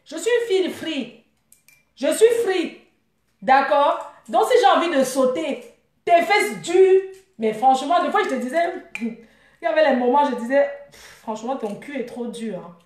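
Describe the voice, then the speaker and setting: A woman's voice: high-pitched, lively intonation, moderate pace, darkish tone. A young woman ranting at a rival in a mocking, scornful vlog, laughing often as she taunts. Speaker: vlogger. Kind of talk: taunting live rant. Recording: echoey room.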